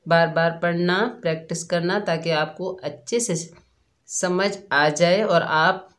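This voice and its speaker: A woman with a somewhat low voice gives a calm, methodical recitation lesson, naming each letter and mark in turn. She speaks very slowly and patiently, and her throat sounds a little sore. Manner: calm, methodical explaining, drawn-out recitation of words. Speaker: Quran recitation teacher. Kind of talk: slow step-by-step tajweed lesson.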